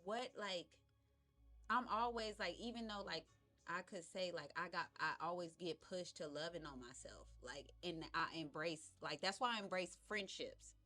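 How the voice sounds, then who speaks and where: A woman's voice: fairly low pitch, moderate pace, sharp tone, soft background music. A woman in her thirties co-hosting a podcast, talking candidly and bluntly, laughing often. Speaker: podcast co-host. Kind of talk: casual chat.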